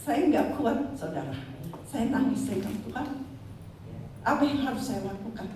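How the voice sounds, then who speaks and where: A woman's voice: on the high side, sing-song, moderate pace, darkish tone, slight background noise. An older woman evangelist preaching a Christmas sermon with personal testimony, emphatic and addressing the congregation directly. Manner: emphatic, calls audience "saudara". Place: church hall. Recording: echoey hall from far off, faint ambience.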